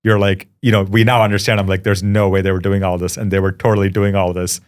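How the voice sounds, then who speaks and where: A young adult man from India, a company founder reflecting warmly in a casual podcast interview, with lots of ums and uhs. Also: low-pitched, level tone, quick pace, clear, resonant tone. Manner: warm, reflective, frequent fillers.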